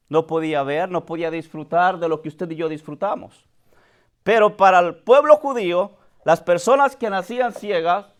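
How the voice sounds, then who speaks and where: A man preaching a sermon, speaking to the congregation as brother, swinging from high, loud questions to soft, quiet lines. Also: smooth. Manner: addresses the congregation directly as brother.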